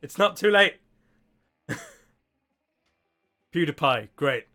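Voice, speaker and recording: A man hosting a group game stream, chatting casually and reading aloud in a jokey, animated way. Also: a little high, takes it slowly. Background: faint music.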